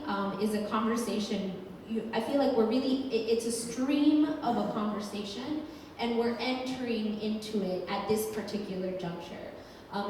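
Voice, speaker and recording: An executive director from Colombia speaks thoughtfully during a panel talk to a live audience in a large hall, with many ums and restarts. Her voice is fairly high, captured by a handheld microphone but recorded from far off, so it sounds echoey with slight background noise.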